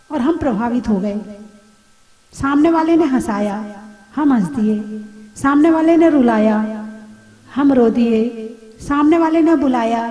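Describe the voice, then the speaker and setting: A woman delivers a spiritual discourse in a high, mellow voice. She talks to her listeners conversationally, asking rhetorical questions and adding light humor. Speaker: Jain nun giving a discourse. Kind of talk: sermon.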